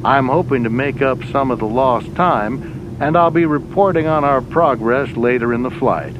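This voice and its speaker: A man playing an airline captain who reads cabin announcements over the aircraft intercom in a measured, deliberate way. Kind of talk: scripted in-flight announcements for a language lesson. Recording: muffled lo-fi audio with engine rumble.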